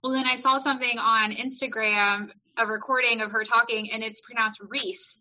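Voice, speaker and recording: Woman, very bright voice, slightly high, casual book chat, self-mocking, animated. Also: brisk, low-quality recording. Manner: animated, self-deprecating about mispronouncing names. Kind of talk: reading a book summary aloud.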